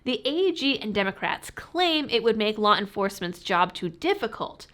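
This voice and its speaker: A woman's voice: mid-range voice, sing-song, normal speed, over a noisy crowd. A woman with a cold, her voice stuffy and muffled as if talking through a fishbowl, hosting a political commentary channel with sarcastic, pointed delivery.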